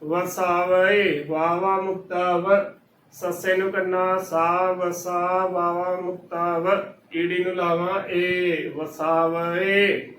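A man giving a slow, methodical pronunciation lesson, spelling out each word syllable by syllable. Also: sits high, completely flat delivery, fairly bright tone, a little hiss or hum. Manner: drawn-out, syllable by syllable. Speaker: Gurbani pronunciation teacher. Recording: roomy and distant with faint ambience.

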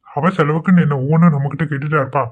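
A man voicing a loving, easygoing young village husband in a cartoon, talking in a soft, coaxing way. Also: fairly high pitch, steady tone, rapid-fire, phone-quality sound, close to an everyday voice.

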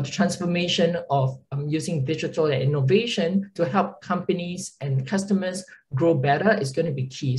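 This woman's voice sits low and mellow, captured on a low-quality recording. She has a Singaporean accent and is a consulting partner presenting in a video call webinar. She's chatty and conversational, sprinkling in lots of "um" fillers and "right?" tags.

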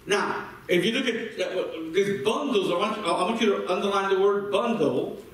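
A man's voice: high voice, moderate pace. A man preaching a sermon to a congregation, repeating words as he builds each point and calling for responses. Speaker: pastor. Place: church sanctuary. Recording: echoey sanctuary from far off.

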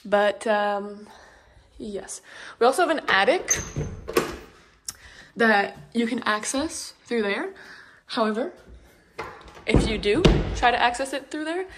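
A woman's voice: mid-range voice, noisy background. A young woman chatting casually as she walks through an empty house, filming a tour vlog with frequent ums and likes. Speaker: vlogger.

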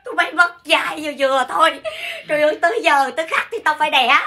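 A woman with a Southern Vietnamese accent acting a pregnant young wife in labor, scolding loudly and groaning. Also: high-pitched, fairly even intonation, fast talker. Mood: indignant ranting. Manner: loud complaining scolding rant with groans. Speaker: comedy sketch performer. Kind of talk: comic sketch acting.

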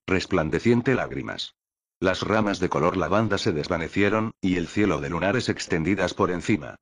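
A man reading a light novel aloud as audiobook narration, in a slow, measured delivery. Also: deep voice, dry recording.

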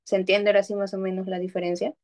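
A woman's voice: medium pitch, little pitch movement, rapid-fire, a little mellow. Patient woman teacher explaining grammar. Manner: patient, explaining step by step with examples; checks understanding often with "¿ok?". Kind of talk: online grammar lesson.

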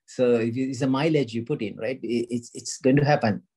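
A man in a Dharma chat, talking casually and haltingly on a video call. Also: medium pitch, darkish tone, breathy edge.

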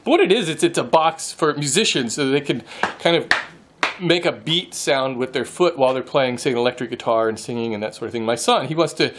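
A man in his forties talks casually to a camera held at arm's length in his home wood shop. He is chatty and amused with himself, chuckles often, and keeps a relaxed, mid-pitched everyday voice. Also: brisk, a little hiss or hum. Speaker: woodworking channel host. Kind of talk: casual vlog chat. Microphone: handheld camera at arm's length.

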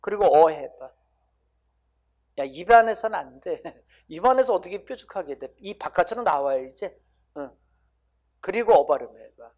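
Casual lecturing teacher, mid-pitched voice, talks down familiarly to students and keeps tagging "right?". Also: lively intonation, normal speed, pauses often, a little mellow. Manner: addresses students directly, coaxing them to repeat sounds. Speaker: English grammar teacher. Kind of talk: exam-prep lecture.

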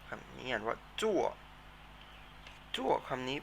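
Male teacher w thai accent, gravelly bright voice, slow patient repeating, faint room hum. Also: mid-range voice, sing-song. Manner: patient, repeats words for students to echo. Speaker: Chinese teacher. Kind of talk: classroom lesson explaining vocabulary.

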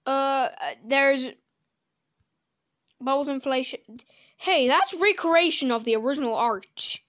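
A woman reacting to videos in casual commentary, blunt and crude with plenty of swearing. Her voice sits fairly high and she talks slowly, with occasional sudden loud outbursts, close to a desk mic.

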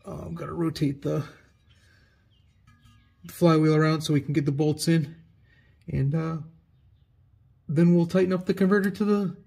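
A man with a slightly high, husky voice gives an informal walk-through of a DIY mechanic job. He sounds matter-of-fact and casual, explaining each step as he works in a garage. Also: fairly even intonation, normal speed, long pauses, dark tone. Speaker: DIY mechanic filming a build. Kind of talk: casual hands-on explanation to viewers while working. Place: garage workshop, working on a car. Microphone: camera set near the engine, off the speaker.

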